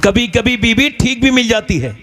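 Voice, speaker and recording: A male preacher telling a moral story in a religious talk, animated with wide swings in pitch. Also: moderate pace.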